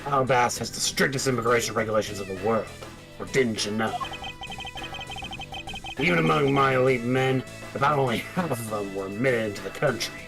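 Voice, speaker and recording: Cocky, slangy tough-guy agent, a man reading him, mid-pitched, over game music. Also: fairly quick, vocal fry, close to an everyday voice. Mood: smug. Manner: smug, slangy drawl.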